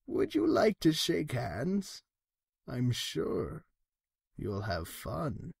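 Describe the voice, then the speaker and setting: A man's voice: a little high, huge pitch swings, drawn-out words, darkish tone, no echo, studio quality, heavily acted. A man voicing a sly, sinister trickster cat in a storybook, falsely reassuring, with theatrical rhyming talk. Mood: slyly inviting. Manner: smooth-talking, theatrical, rhyming.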